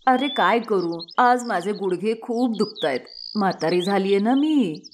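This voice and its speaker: A woman voicing a gentle, patient old village mother-in-law who speaks softly and slowly. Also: medium pitch, lively intonation, background noise, natural voice. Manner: soft, slow and soothing.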